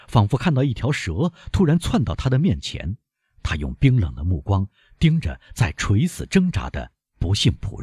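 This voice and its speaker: Husky-voiced male audiobook narrator. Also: on the low side, no echo, studio quality. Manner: expressive, dramatic.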